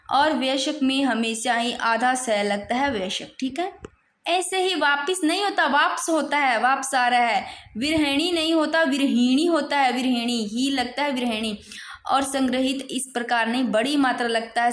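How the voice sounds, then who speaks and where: A woman with a high, bright voice teaches an exam-prep spelling lesson, repeating each word slowly and patiently. Her voice rings in a roomy, echoey space. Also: a little hiss or hum. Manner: explains patiently, repeats words slowly, addresses students as brother. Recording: echoey room.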